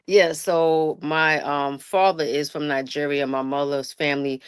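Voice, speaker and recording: A woman from Brooklyn, an interview guest telling stories in a casual, lively way, laughing often. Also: sits low, measured pace, smooth, dry recording, clean studio sound. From Brooklyn, New York. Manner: animated, laughs often, vernacular speech. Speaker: interview guest, rapper and artist.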